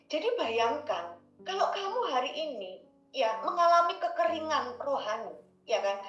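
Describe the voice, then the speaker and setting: A woman's voice: sits high, fairly bright tone. A woman giving a casual devotional talk, chatty and repetitive, often addressing listeners as brothers and sisters. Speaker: devotional speaker. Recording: roomy, dull lo-fi recording with faint music.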